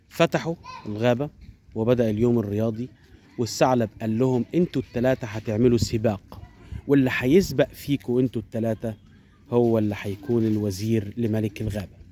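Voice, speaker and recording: Fast-talking Egyptian man telling a fable. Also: mid-range voice, slight background noise. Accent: Egyptian Arabic. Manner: animated, digressive, addresses viewers directly. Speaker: storyteller. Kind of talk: informal oral telling of a traditional animal fable.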